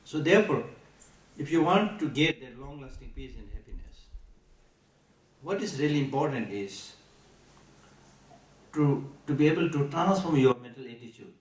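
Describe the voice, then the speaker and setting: A man with a Tibetan accent gives a Buddhist teaching to listeners in a deliberate, emphatic way, repeating key phrases and posing rhetorical questions. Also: mid-range voice, animated. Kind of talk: Buddhist teaching to a live audience. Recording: echoey room, recorded from a distance.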